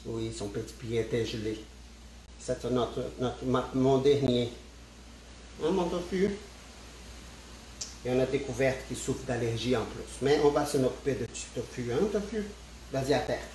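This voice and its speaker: A man's voice: mid-range voice, steady tone, normal speed, a little mellow, slight background noise. A man gives a casual spinning tutorial on a livestream. He speaks straight to his viewers and often repeats and restarts his words. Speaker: spinning instructor. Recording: echoey room.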